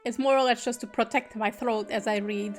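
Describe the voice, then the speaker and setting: A woman's voice: on the high side, steady tone, fairly quick, faint music behind. Woman streamer reading a game aloud. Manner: reads narration steadily, breaks off into joking asides. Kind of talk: reading aloud with casual asides.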